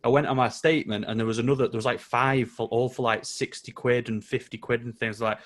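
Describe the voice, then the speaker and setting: A man's voice: medium pitch, steady tone, fast talker. A man from England co-hosting a football podcast, chatting casually and telling a story with a laugh. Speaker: podcast co-host. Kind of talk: casual chat.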